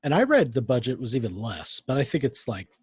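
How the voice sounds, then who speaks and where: A man's voice: mid-range voice, sing-song, fairly quick, darkish tone, breathy edge, no room sound. A young adult man co-hosting a podcast in casual chat, making dry, wry remarks. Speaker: podcast co-host.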